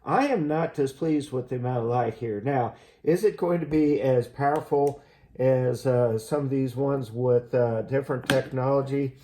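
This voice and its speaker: A man with a mellow, relaxed voice hosts a casual product review. He explains each point in a measured, halting way, at a middling pitch. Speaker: host of a gear review channel.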